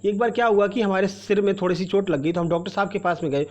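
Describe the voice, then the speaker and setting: A man's voice: high voice, fast talker, darkish tone, highs cut off. A man teaching a general-knowledge quiz for exam preparation, reading out each question and its options, then explaining the answer to the viewer. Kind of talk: exam-prep quiz lesson.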